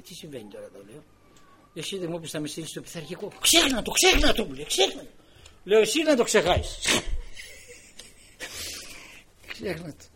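A man's voice: a little high, a little hiss or hum. An older man preaching a sermon, telling a personal story and acting out the quoted dialogue with many repeated words.

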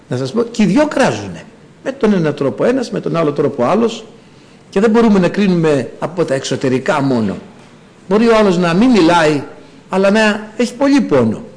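A male preacher delivering a sermon, emphatic and conversational. His voice sits fairly high for a man and swings through a very animated range of pitch. He repeats phrases for effect and turns aside to address his listeners directly.

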